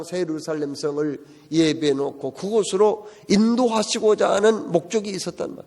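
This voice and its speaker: A man's voice: high voice, darkish tone. A male pastor preaching a sermon emphatically, driving it with rhetorical questions. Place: church sanctuary. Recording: long church-hall reverb.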